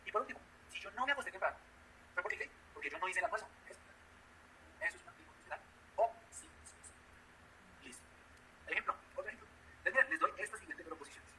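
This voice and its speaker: Fast, bright-voiced male math teacher. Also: high voice, lively intonation, slight background noise, rough recording. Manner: explains step by step with everyday examples and questions. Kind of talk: classroom lecture.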